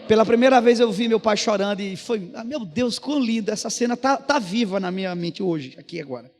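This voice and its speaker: High-voiced Brazilian pastor preaching. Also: male voice, expressive, fairly quick, a little mellow. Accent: Brazilian Portuguese. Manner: earnest, conversational storytelling. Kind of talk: sermon storytelling. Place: church. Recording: reverberant church hall with music behind.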